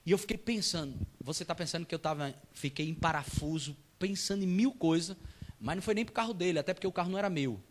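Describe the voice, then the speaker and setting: Male pastor, high-voiced, animated comic storyteller in the pulpit. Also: fast, a little hiss or hum. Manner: animated, humorous, acts out scenes. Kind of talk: sermon storytelling. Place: church.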